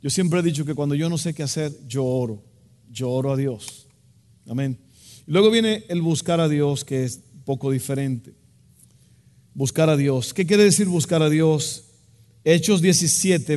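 A man's voice: on the high side, normal speed, a little mellow. A man preaching a sermon as pastor, impassioned, with a rising and falling delivery. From Dominican Republic. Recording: echoey hall with long reverb.

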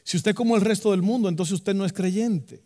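A man preaching a lively sermon as pastor, acting out voices and joking with the congregation. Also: sits high, fairly quick, long reverb tail.

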